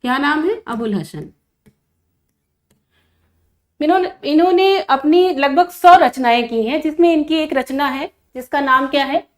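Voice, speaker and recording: A woman's voice: high-pitched, unhurried, pauses often. A woman teaching an online exam-prep lesson, asking questions aloud and repeating key answers with stress for her students. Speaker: Hindi teacher for exam preparation.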